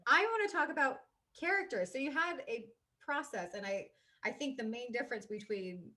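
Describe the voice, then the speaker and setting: A woman's voice: on the high side, expressive, moderate pace, pushed and bright. A woman hosting a casual interview over a video call, an eager and enthusiastic voice teacher. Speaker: host, voice teacher.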